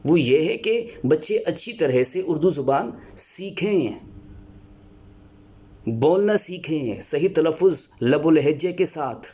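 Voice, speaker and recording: An earnest Pakistani man who teaches Urdu gives a spoken lecture on teaching the language. His mellow voice sits on the high side, with lively intonation and a breathy edge. He explains things earnestly, with many filler pauses and restarts.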